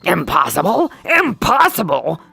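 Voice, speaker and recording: A woman's voice: on the low side, wildly swooping pitch, measured pace, pushed and bright, soft background music, heavily acted. A woman voicing a huge, hot-tempered male ogre in a storybook, with a growling, fearsome manner. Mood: menacing. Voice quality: gravelly, growling. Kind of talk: storybook reading.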